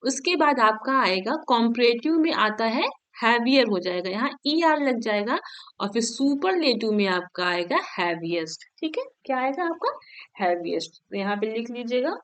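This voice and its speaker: A woman teaching an exam-prep grammar lesson. Her voice sits fairly high, and she checks in after every point. She drills each word form slowly and patiently, one at a time. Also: lively intonation, fairly bright tone, clear, resonant tone.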